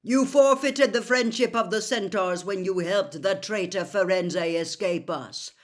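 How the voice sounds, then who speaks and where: A woman voicing a proud male centaur elder who speaks in a calm, formal, grave way. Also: mid-range voice, measured pace, voice pushed up, natural voice. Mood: stern.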